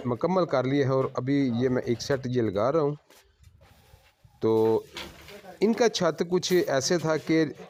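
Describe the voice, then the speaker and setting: Man, solar installer, on-site how-to talk, plain unhurried explaining, mid-pitched voice. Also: a little mellow, a little hiss or hum. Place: at a house during installation work.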